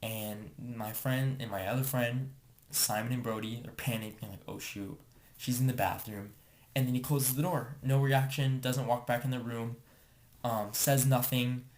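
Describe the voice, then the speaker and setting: A man's voice: medium pitch, fairly even intonation, normal speed, darkish tone, a little hiss or hum. A young man casually telling a story to the camera, rambling and filling his talk with "like.". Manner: rambling, filler-heavy with constant "like".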